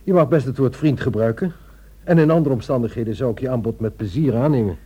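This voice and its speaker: A male actor with a mid-range, natural voice carrying a breathy edge plays a courteous yet guarded husband in a radio drama. He speaks measuredly, with quiet firmness and a wry touch.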